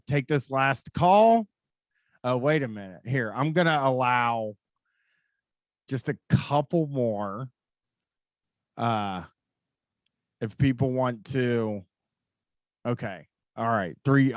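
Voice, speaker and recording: A man's voice: mid-range voice, dry recording, clean studio sound. An American man hosting a call-in show, talking in a casual, rambling, informal way with some swearing.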